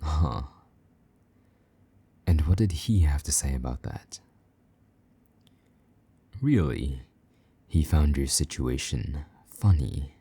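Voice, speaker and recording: Voicing a jealous and possessive vampire knight, a man murmurs low through an intimate audio roleplay, sometimes dropping to soft whispers, teasing and a bit gruff. The pace is slow with frequent pauses, and his tender delivery is heavily acted.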